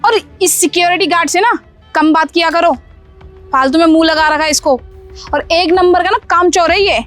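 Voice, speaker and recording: A woman's voice: very high-pitched, normal speed, a bit bright. A woman voicing a scheming young wife in a cartoon story, bossy and dismissive, full of excuses, with faint music behind her. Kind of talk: Hindi cartoon story dubbing.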